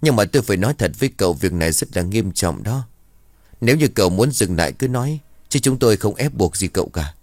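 A man's voice: fairly low pitch, animated, fast talker, darkish tone, no echo, clean studio sound. A man voicing an anxious elderly village chief who speaks earnestly and implores for help. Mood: worried.

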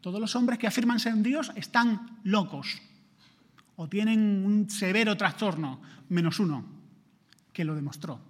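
A man from Spain preaching an emphatic sermon, building to forceful urgency. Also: high-pitched, measured pace. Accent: Spain Spanish. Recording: long hall reverb.

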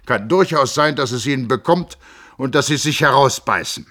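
A man voicing an irascible middle-aged male sanatorium chief doctor in an audiobook reading, gruff and blustering. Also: mid-range voice, animated, moderate pace, voice pushed up. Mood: brusque. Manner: gruff, blustering, explodes into shouting.

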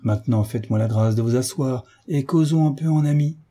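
A man voicing a sly, ironic hunchbacked marquis in an audiobook, teasing with drawn-out courtesy. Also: medium pitch, dark tone, lightly acted. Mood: mocking. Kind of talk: audiobook character reading.

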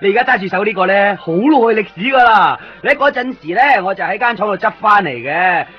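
The same excitable toy shop owner, a kind, chatty man running a second-hand store, rambles in Hong Kong Cantonese and loves showing off his toys in this radio drama. The actor's voice is high-pitched and fairly quick. It's a band-limited 1990s radio recording with highs cut off and faint music.

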